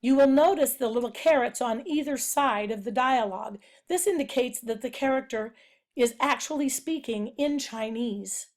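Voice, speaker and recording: A woman giving a narrated presentation analysing a novel, speaking in a measured, explanatory way. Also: fairly high pitch. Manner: measured, explanatory, reads quotes aloud.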